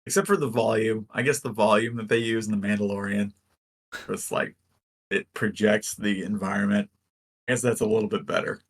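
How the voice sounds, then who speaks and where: A man's voice: fairly low pitch, fairly even intonation, brisk. A man co-hosting a podcast, chatting casually and enthusiastically about a film with lots of fillers. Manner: rambling, enthusiastic, many fillers. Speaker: podcast co-host. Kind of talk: casual movie review chat.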